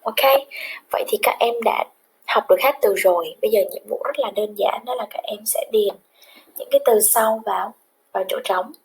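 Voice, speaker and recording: A woman's voice: medium pitch, moderate pace, vocal fry, slightly rough, low-quality recording. A woman English teacher patiently explaining a lesson to children, switching between English and another language.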